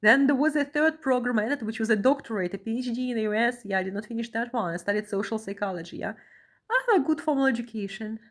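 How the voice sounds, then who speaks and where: A woman's voice: on the high side, fast talker. A woman from Russia who talks earnestly while reading a document aloud, often ending phrases with a questioning "yeah?" and repeating herself. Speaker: vlogger, asylum seeker.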